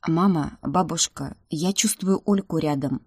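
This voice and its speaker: A woman voicing a gentle, worried teenage brother who speaks softly and thoughtfully in an audiobook. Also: low voice, a little slow, slightly rough, no room sound, clean studio sound. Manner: soft, thoughtful.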